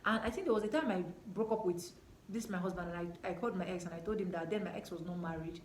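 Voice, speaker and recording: A woman's voice: on the low side, quick pace, darkish tone, slight background noise. A young woman telling a storytime vlog with faith testimony, earnest and rambling, often repeating herself. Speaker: vlogger. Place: at home. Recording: roomy home recording, faint ambience.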